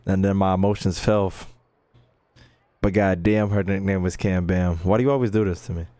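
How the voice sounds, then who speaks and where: An American man with a deep, warm voice gives casual livestream game commentary at a normal speed, his intonation fairly even as he jokes and swears in loose slang. Video game music and dialogue play behind him.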